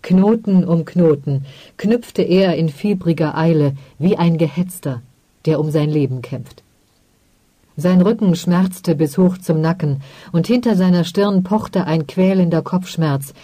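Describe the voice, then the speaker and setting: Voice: mid-range voice, mellow, dry recording. Ein Vorleser, der eine literarische Geschichte gemessen und dramatisch als Hörbuch erzählt. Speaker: audiobook reader. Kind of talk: scripted narration of a literary story.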